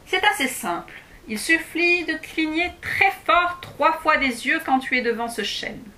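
A woman voicing a grumpy tiny male dwarf woodcarver in a storybook reading, gruff and scolding. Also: sits high, expressive, measured pace, pushed and bright, voice pushed up, exaggerated voice. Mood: instructing.

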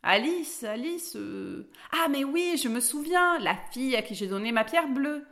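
A woman's voice: a little high, expressive, measured pace, gravelly, fairly bright tone, heavily acted. A woman voicing a small, startled, forgetful male dwarf in a storybook. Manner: jumpy, exclaiming.

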